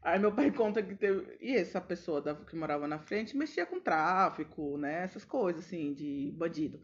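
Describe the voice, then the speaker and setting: Woman chatting on a podcast, animated storyteller, kinda dull lo-fi sound. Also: fairly low pitch, normal speed. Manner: animated, acts out shouted quotes. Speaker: podcast co-host. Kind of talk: casual storytelling chat.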